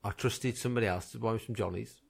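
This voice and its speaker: A man's voice: on the low side, fast, creaky, breathy edge. A man co-hosting a podcast, trading blunt, sweary banter and laughing often. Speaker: podcast co-host. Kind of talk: crude casual banter.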